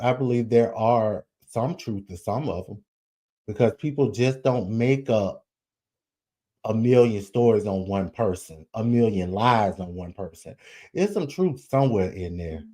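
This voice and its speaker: A man's voice: mid-range voice, dark tone. A man casually commenting on celebrity news, chatty and folksy, talking straight to his viewers with slang and asides.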